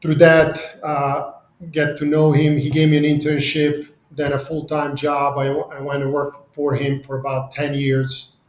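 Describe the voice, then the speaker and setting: A man's voice: a little high, completely flat delivery, a little slow, roomy sound, poor audio. A man, speaking as an interview guest, earnest and restarting often. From Serbia. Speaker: guest, company executive. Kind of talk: podcast interview.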